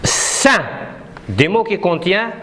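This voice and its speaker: Woman, schoolteacher, bright, lively, unhurried delivery, drills sounds patiently in a classroom lesson, faint room ambience. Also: lowish voice, slight background noise. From Morocco. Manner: patient, drilling syllables and correcting pupils. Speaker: primary school teacher.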